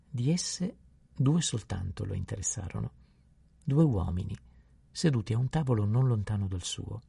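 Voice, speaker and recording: A man calmly narrating a novel in an unhurried reading voice. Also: on the low side, creaky, slightly rough, dry recording. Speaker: audiobook narrator.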